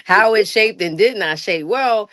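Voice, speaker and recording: A woman from Brooklyn, an interview guest telling stories in a casual, lively way, laughing often. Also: mid-range voice, a little slow, no echo, studio quality. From Brooklyn, New York. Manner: animated, laughs often, vernacular speech. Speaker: interview guest, rapper and artist.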